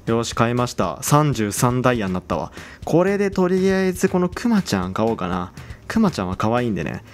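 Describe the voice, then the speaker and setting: A young man talks his way through a game in a casual, chatty commentary. His pitch swings around a lot as he gets excited over each new thing, and faint background music plays beneath him. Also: brisk. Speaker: game channel host.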